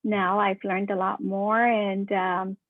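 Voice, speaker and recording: Over dry, tinny audio that sounds like a phone call, with no room sound, a woman from California who works as a marketing consultant chats through casual podcast interview answers. She repeats words for emphasis, speaking slowly in a mid-range voice with little pitch movement.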